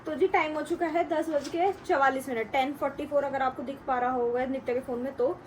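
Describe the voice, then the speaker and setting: A young woman chatting casually to camera in a family vlog at home, telling stories in an animated way. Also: high-pitched, a little fast, a little hiss or hum, low-quality recording. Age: young adult. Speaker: family vlogger.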